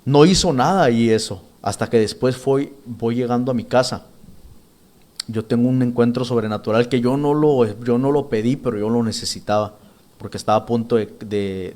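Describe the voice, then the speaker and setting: Earnest halting man giving testimony. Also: medium pitch, darkish tone. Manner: earnest, halting, with many restarts and repeated words. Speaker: church minister giving testimony. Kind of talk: spoken testimony.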